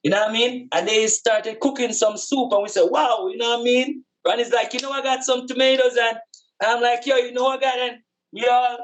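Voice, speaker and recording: A man with a very high-pitched voice talks a little fast, his intonation fairly even. As a podcast guest discussing spirituality and community, he reflects casually on life in an earnest, emphatic manner, repeating phrases for emphasis.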